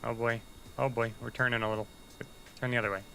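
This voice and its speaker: Bright-voiced man chatting through a game. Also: medium pitch, little pitch movement, fast talker, gravelly, a little hiss or hum, low-quality recording. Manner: chatty, thinking aloud, muttering asides to himself. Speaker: livestreaming gamer. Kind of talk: casual gameplay commentary.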